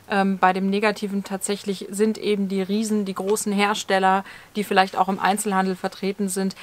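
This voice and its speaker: Woman explaining views in a relaxed garden chat. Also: mid-range voice. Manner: fluent, explanatory, steady. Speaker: channel co-host. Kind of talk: casual discussion to camera. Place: outdoors in a leafy garden, evening.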